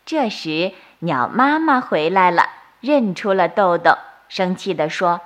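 A woman storyteller narrating a bedtime story for children in a slow, soothing manner. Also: on the low side, expressive, fairly bright tone. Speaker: storyteller host.

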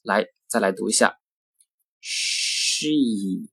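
A man's voice: medium pitch, lively intonation, normal speed, no echo. A man teaching English pronunciation, speaking carefully and saying each word twice as a model. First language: Chinese. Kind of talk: recorded phonetics lesson.

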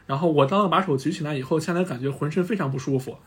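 A man hosting a podcast, casually retelling a cartoon story with animated asides. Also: on the high side, racing, breathy edge. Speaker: podcast host.

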